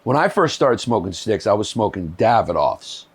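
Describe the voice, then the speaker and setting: A man's voice: on the low side, very animated, normal speed, slightly rough. A man in casual chat who keeps asking questions and cracking jokes. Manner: asks questions, jokey. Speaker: comedian guest. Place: shed with cigars.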